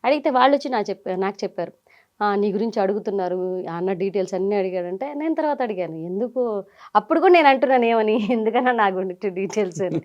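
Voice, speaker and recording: A middle-aged woman, telling her story as an interview guest in lively bursts and quoting people as she goes. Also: medium pitch, lo-fi sound. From Nellore region, India. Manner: animated, quotes people in quick bursts.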